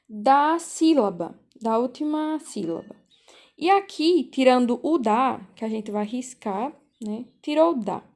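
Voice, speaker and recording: A volunteer teacher leads a language class over a video call, explaining slowly and patiently, repeating key points and checking in with students. Her voice sits high with a darkish tone.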